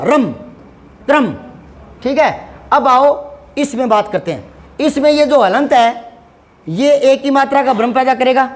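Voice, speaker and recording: A middle-aged man giving a Hindi grammar lesson. He is patient, repeats and stretches sounds to show how they are spoken, and often checks whether students follow. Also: very high voice. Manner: patient, repeats and drags out sounds to demonstrate pronunciation; asks rhetorical check-in questions. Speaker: Hindi teacher. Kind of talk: classroom-style grammar lesson.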